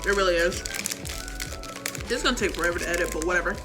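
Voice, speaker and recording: A woman's voice: lowish voice, quick pace. A teenage girl vlogging about her school credits and grades in a rambling, chatty, self-mocking way. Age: teens. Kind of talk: casual chat. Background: faint background music.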